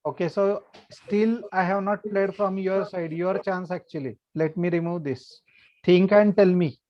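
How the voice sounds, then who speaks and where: A man, coaching kids at chess and thinking out loud patiently, asking "okay?" as he goes. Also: high-pitched, a little slow, lo-fi sound. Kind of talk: online chess lesson to kids.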